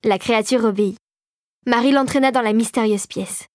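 A woman narrating a children's fairy-tale audiobook in an even, clear storytelling manner. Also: on the high side, fairly quick, no echo, studio quality.

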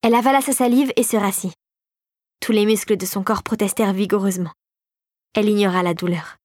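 A woman narrating an adventure storybook in a dramatic, expressive way. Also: medium pitch, a little fast, no room sound, clean studio sound.

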